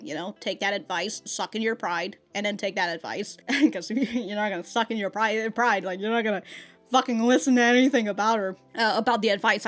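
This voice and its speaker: A woman with a mid-range, slightly bright voice hosts a reaction video, giving a chatty, rambling review. She's slangy and profane, swearing casually and laughing often as she talks.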